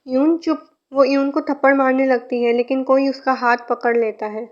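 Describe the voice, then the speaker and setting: A woman's voice: high-pitched, flat delivery, moderate pace, darkish tone. A woman steadily narrating a fan fiction story aloud. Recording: muffled lo-fi recording.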